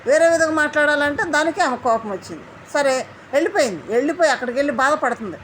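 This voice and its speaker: A woman recapping a reality show in an indignant, animated commentary, mimicking the housemates she quotes. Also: high-pitched, fast talker, a little hiss or hum.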